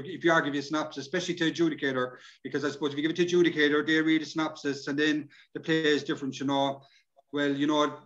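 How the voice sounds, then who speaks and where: Over a video call with muffled sound, a middle-aged man with an Irish accent and a slightly high voice runs an informal workshop, partly read from slides. He's colloquial and repetitive, and he addresses his listeners as lads.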